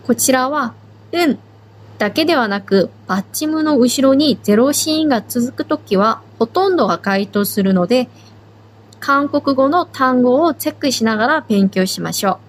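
A woman teaching a language on a podcast, explaining grammar slowly and step by step. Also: high voice, animated, a little hiss or hum, low-quality recording. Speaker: Korean language instructor. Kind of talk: slow, patient language lesson.

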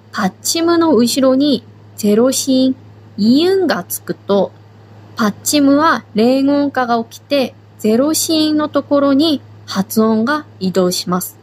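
Higher-voiced woman teaching patiently. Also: a little hiss or hum, poor audio. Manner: explains grammar step by step. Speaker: Korean language instructor. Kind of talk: slow, patient language lesson.

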